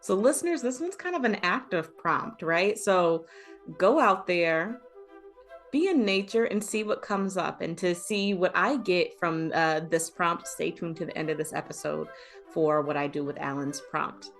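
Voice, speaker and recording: A woman with a lowish voice hosts a podcast, chatting casually with her guest as she closes the episode. Faint music sits underneath her voice. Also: measured pace. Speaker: podcast host. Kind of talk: casual interview.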